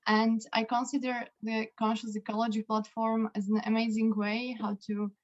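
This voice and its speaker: A woman introduces herself over a video call, her mid-pitched voice held fairly flat. The audio is a little dull and lo-fi, and she talks earnestly, doubling words as she finds her phrasing. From Slovakia. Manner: earnest, repeats words while searching. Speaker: interview guest, energy consultant.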